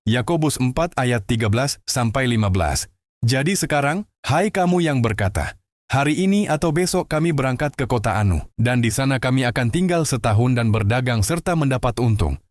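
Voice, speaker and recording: Steady male commentary host, dry sound. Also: medium pitch, no room sound. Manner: steady explanatory delivery. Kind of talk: scripted commentary narration.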